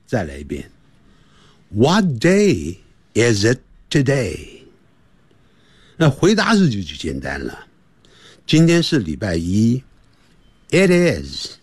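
A man teaches English over the radio in an unhurried, husky voice whose pitch swings widely. He repeats short phrases again and again, slowing right down to show each sound. The recording is dry and close. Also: no room sound. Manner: drills phrases by repetition, slows right down to model sounds.

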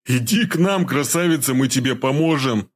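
Man voicing fat male thug, crude slang, mocking, raised pitch, audiobook character. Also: a little fast, close to an everyday voice. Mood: mocking, coarse.

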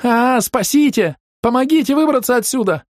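A man voicing a wild, desperate young woman in an audiobook, shrill and taunting. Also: sing-song, moderate pace, slightly rough, dry recording, studio quality. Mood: furious shouting. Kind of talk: audiobook reading.

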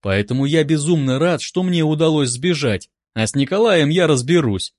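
A man calmly reading a first-person audiobook in an even, wry manner, close to a studio mic. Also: on the high side, normal speed, no echo. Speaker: audiobook narrator.

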